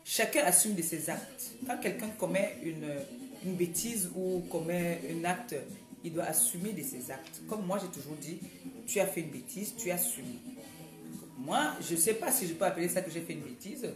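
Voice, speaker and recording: A woman's voice: lowish voice, lively intonation, moderate pace, echoey room, music in the background. A woman speaking in a casual vlog monologue, emphatic and repetitive, often hesitating and restarting her sentences. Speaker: vlogger.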